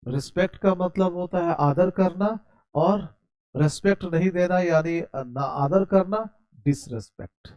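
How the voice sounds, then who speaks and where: Delivering a spoken grammar lesson in English, a man explains each point in sequence, spells words letter by letter, and asks his students questions before answering them himself, addressing the listener as "brother." His voice is high and darkish in tone, a little slow, with the highs cut off.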